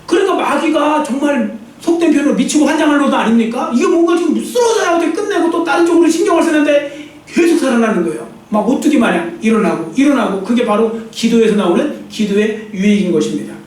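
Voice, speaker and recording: A man's voice: very high voice, expressive, quick pace, a little mellow. A male pastor delivering an emphatic sermon, acting out the inner voices of the people he describes. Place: church sanctuary. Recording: echoey church hall from far off.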